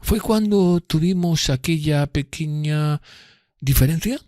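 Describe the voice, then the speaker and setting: Brief: haughty, mocking young gentleman rival in a storybook reading, pitched up high and drawling disdain, as a male narrator puts him on. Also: takes it slowly, no echo, clean studio sound. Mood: disdainful. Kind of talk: audiobook character voice.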